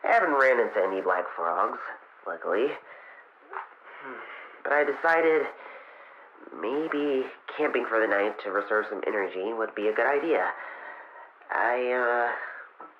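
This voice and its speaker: A man's voice: medium pitch, animated, a little slow, long pauses, close to an everyday voice. A man playing Tails as a young fox adventurer, recording a hesitant, vulnerable expedition log in an audio drama. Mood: weary, uneasy. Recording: dull lo-fi recording with noise, clicks.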